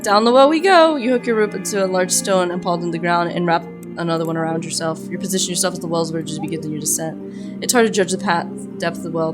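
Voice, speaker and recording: A woman playing a text adventure, reading the game's story aloud and reacting excitedly with laughs and yelps at the scares. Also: fairly low pitch. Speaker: game streamer. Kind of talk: let's-play commentary and reading game text.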